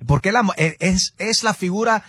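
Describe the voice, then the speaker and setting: A man's voice: sits high, normal speed, husky, no room sound, studio quality. A man hosting a radio talk show, bantering with callers and guests. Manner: lively, bantering. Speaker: radio host.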